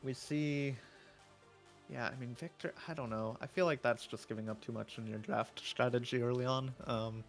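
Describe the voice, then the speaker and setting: A man breaks down a live esports draft in a loose, chatty way, full of fillers. His voice is going hoarse. Faint music plays behind him. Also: medium pitch, fairly even intonation, moderate pace. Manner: chatty, opinionated, many fillers. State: losing his voice. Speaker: esports analyst.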